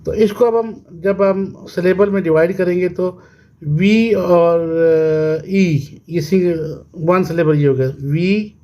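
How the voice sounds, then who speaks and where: Slow, mellow Pakistani male teacher. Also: high voice, fairly even intonation, rough recording. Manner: slow, repeats words syllable by syllable and asks then answers himself. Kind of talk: classroom lesson explanation.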